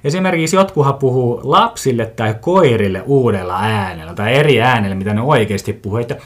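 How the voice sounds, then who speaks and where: A man's voice: mid-range voice, lively intonation. A man hosting a casual solo podcast, rambling through his pet peeves in a self-mocking, grumbling way, often restarting his sentences and chuckling to himself. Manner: mimics other people's voices for comic effect. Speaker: podcast host.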